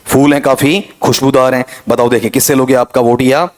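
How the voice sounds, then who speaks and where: A middle-aged man, teaching an exam-prep English grammar lesson. He keeps firing rhetorical questions at his students and reads the example sentences slowly and deliberately. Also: medium pitch, fairly even intonation.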